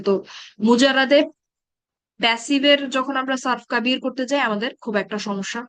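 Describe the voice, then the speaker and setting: Higher-pitched woman teaching grammar, dry sound. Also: fairly bright tone, no room sound. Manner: patient, checks understanding often, recites verb patterns slowly. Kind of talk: live online class teaching.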